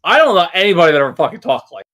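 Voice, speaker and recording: Blunt rambling man with a bright voice. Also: high voice, very animated, very fast. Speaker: podcast co-host. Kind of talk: casual chat.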